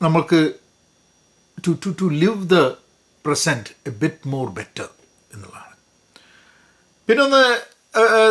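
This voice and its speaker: A man with a Malayali accent gives a casual book review, explaining as he goes in a high, sharp voice. He mixes in English phrases and repeats words for emphasis.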